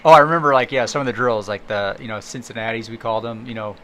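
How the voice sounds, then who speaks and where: A man's voice: mid-range voice, fast talker, a bit bright, slight background noise. A man who is a running coach, guesting on a podcast and talking modestly with frequent laughs. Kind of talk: casual podcast chat.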